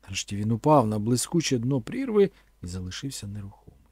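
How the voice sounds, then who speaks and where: A man narrating an adventure story as an audiobook reader, in an expressive storytelling manner. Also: medium pitch, fast talker, breathy edge, no echo, clean studio sound. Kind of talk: scripted narration.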